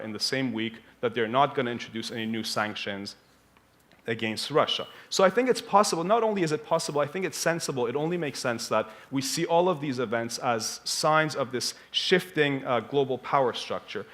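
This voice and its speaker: A man speaking on a conference panel, making a measured analytical argument with occasional fillers. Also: medium pitch, fairly bright tone. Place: conference hall.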